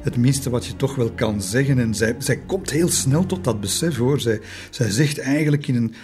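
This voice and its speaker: A man recounts history in a relaxed, conversational way. He hesitates often, restarting phrases and adding tag questions. His voice is mid-pitched, with soft music faintly underneath. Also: moderate pace. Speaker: history storyteller. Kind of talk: casual spoken history narration.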